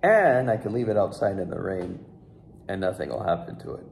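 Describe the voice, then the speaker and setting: A young man talks casually to a close phone camera in a sunroom. His voice is low and strongly gravelly, with a lively rise and fall. The room is echoey, with a faint hum behind. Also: a little fast. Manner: relaxed, with fillers and a laugh. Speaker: flute restorer. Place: sunroom with large windows, indoors.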